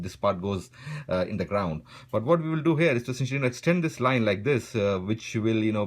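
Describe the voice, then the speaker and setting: A man narrating a pen and ink drawing tutorial in a relaxed way, filling his speech with "you know" as he draws. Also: mid-range voice. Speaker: drawing instructor. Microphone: voice-over while drawing.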